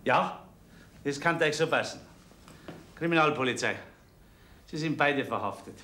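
An actor playing a shrewd middle-aged detective, speaking in a folksy, dry way. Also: male voice, a little high, unhurried, bright, forceful tone, slight background noise. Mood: triumphant. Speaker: police detective.

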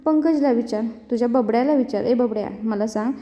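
A woman's voice: fairly high pitch, a little fast, close to an everyday voice. A woman reading the lines of a blunt, teasing young husband who defends his family, in a dull, reverberant recording. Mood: defiant.

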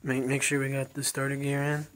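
A DIY motorcycle mechanic rebuilds an engine in his home garage, thinking aloud in casual, plain-spoken how-to narration. His medium-pitched voice is monotone and a little fast, captured on a head-mounted action camera with music clearly audible underneath.

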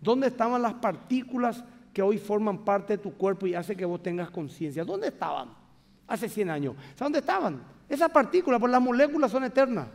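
A male pastor with a Paraguayan Spanish accent preaches in a large church hall, emphatic yet conversational, speaking straight to the congregation. His voice sits high with lively intonation and some vocal fry, at a normal speed.

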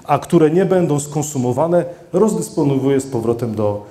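A man's voice: a little high, lively intonation, moderate pace, dark tone. A middle-aged man giving a conference talk into a handheld microphone, hesitant with many fillers and restarts as he addresses the audience. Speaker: conference speaker. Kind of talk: conference presentation. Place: conference hall with seated audience. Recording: roomy hall echo.

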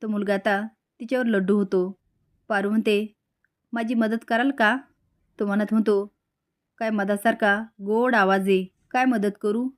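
A woman retelling the latest episode of a serial in an easy storytelling voice. Her pitch sits in the middle range, and she speaks the characters' lines in much the same everyday voice as the narration. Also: fairly even intonation, moderate pace. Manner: retells the scenes, reading each character's lines in a plain voice.

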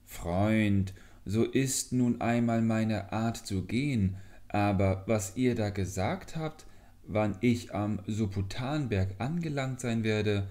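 A man's voice: on the low side, takes it slowly. A man voicing a clever little fable leech. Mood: defiant. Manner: calm, lecturing, mildly scornful. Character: small, clever, calmly defiant male leech.

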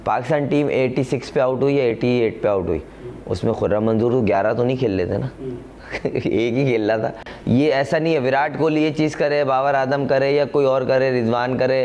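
A man's voice: medium pitch, moderate pace, a little mellow, a little hiss or hum. A man from Pakistan, a cricketer, defending himself at length in an interview. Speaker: cricketer guest. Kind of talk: interview answers.

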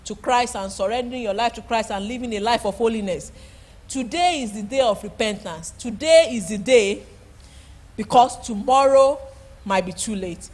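A woman's voice: fairly high pitch, normal speed, darkish tone. A middle-aged woman pastor preaching a sermon from a church pulpit, emphatic, repeating key words and calling out praise. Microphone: handheld microphone.

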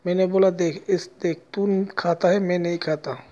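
A man telling a personal story with a moral in a slow, halting way, with many pauses. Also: sits high, fairly even intonation, mellow. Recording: dull lo-fi recording.

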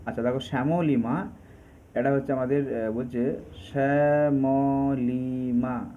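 A man teaching an exam-prep grammar lesson, drawing out example words and pausing to hesitate often. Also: mid-range voice, phone-quality sound, a little hiss or hum. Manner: slow, drawn out over example words, frequent hesitations.

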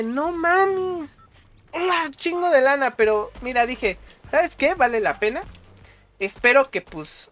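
A man with a Mexican accent reviewing a movie on a casual stream, excitable and full of slang and swearing. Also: high voice.

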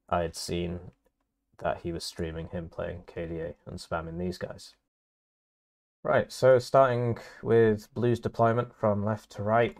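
A man's voice: sits low, vocal fry, a little mellow. A man with a nasal, congested voice, casually casting and explaining a strategy game match from home. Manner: talks through options, casual and wry. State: congested from illness. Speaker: game caster.

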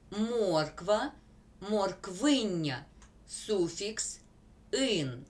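A woman teacher, slowly dictating word examples in a school grammar lesson. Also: mid-range voice.

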